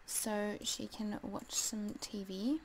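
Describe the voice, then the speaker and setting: A woman talks through her life-sim session at an unhurried pace, pausing often with ums and scolding her characters. Her pitch sits at an ordinary middle height. Faint room hum and soft mouse clicking sit behind her voice. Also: steady tone, low-quality recording. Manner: chatty, hesitant with many ums, talks to the game figures. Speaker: let's play gamer. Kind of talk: casual gameplay commentary.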